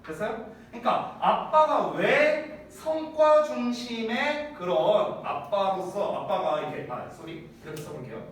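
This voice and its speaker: A man's voice: high-pitched, measured pace. A man in his thirties, an English teacher giving a chatty classroom lecture, often checking whether students follow. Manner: chatty, animated, asks students rhetorical checks. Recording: echoey room from far off, faint noise.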